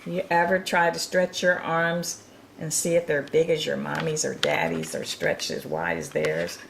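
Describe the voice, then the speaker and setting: Gravelly and deep, a woman's voice moves a little slowly over a noisy background as she reads a picture book to young children. This storytime reader chuckles at the pictures and keeps up a chatty stream of encouraging remarks.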